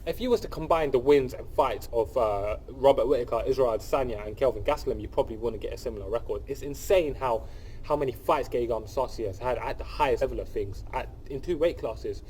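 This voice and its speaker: A young man, sniffly from a cold, runs his channel and gives a solo, to-camera breakdown of an upcoming fight with casual enthusiasm. He speaks at a quick pace in a darkish, medium-pitched voice, repeating phrases and restarting with many fillers. The recording is rough, with slight background noise.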